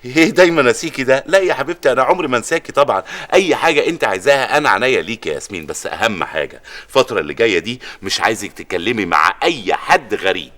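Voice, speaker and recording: An actor with an Egyptian accent playing an excitable, doting father who is quick to snap at his slow-witted helper. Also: mid-range voice. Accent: Egyptian Arabic. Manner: fast, bright and snappy, quick to shout. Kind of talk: sitcom acting.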